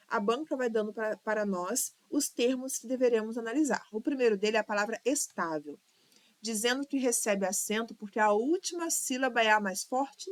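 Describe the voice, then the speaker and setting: Working patiently through exam questions in an online class, a Brazilian woman teaching Portuguese sounds out words syllable by syllable, drawling them and counting aloud. Her pitch is fairly high, and the recording has no echo.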